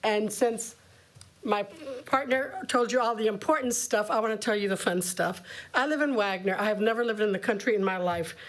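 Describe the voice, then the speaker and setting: A woman from Germany gives public comment at a county hearing, her behind her English. She talks in a chatty, folksy way, at a middling pitch for a woman. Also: normal speed.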